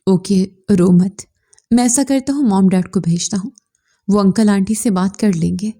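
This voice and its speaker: Stern young lover, read by a woman, firm scolding tone, mellow. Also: medium pitch, normal speed, slightly rough. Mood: firm, worried. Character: young man, anxious lover, stern then tender.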